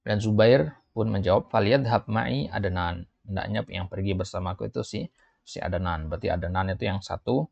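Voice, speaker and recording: A man teaching an Arabic textbook dialogue in class style, reading the Arabic lines slowly and then translating and explaining them. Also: creaky, breathy edge, no echo. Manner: lifts his voice when reading quotes, drops low for asides. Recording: dull, muffled dry recording.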